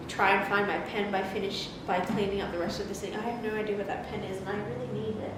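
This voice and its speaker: A woman's voice: medium pitch, flat delivery, quick pace. A woman vlogger chatting casually, sounding emotionally drained and down on herself. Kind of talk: casual vlog chat. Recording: very echoey room, loud ambient noise.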